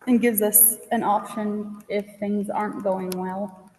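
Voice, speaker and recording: A woman's voice: medium pitch, little pitch movement, slow, mellow. A woman town manager talking casually and in a rambling way at a meeting in an echoing space. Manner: informal, rambling, peppered with "like". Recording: echoey hall with long reverb.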